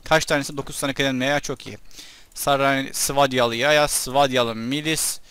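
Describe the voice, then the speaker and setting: A man doing casual let's-play commentary with a Turkish accent, excitable and shouting at enemies during battles. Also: medium pitch, moderate pace, clean tone, dry recording. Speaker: gaming YouTuber.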